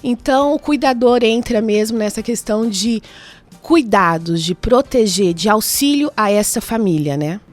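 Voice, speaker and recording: A woman's voice: fairly high pitch, expressive, moderate pace, soft background music. A woman with a Brazilian Portuguese accent, a nurse answering interview questions in a radio studio, listing points and checking in with tag questions. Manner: explanatory, lists points with frequent tag questions.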